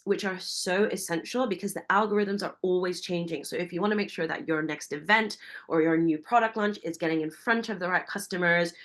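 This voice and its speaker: A woman, a founder giving a fast, enthusiastic webinar presentation and asking her audience many questions. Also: lowish voice, fairly bright tone. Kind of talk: energetic business presentation.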